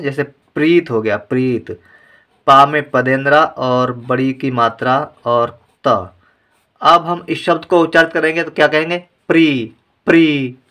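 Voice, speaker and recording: A man from India teaching Hindi reading to viewers, explaining clearly and drawing out words slowly as he drills their pronunciation. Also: medium pitch, sharp tone. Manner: slow, drawn-out word-by-word pronunciation drills.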